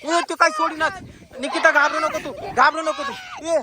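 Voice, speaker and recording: A man playing a loud jumpy village husband. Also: extremely high pitch, fairly even intonation, noisy background. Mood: panicked. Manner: shouty, repeats words rapidly. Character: jumpy rural farmer husband, loud and excitable. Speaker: village husband in a comedy skit. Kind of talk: amateur village comedy acting. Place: outdoors in farm fields.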